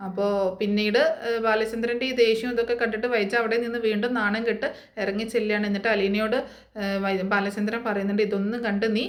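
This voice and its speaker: A woman's voice: medium pitch, little pitch movement, fast talker, roomy sound. A woman casually retelling an upcoming serial episode, acting out the dialogue with many fillers. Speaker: serial recap narrator.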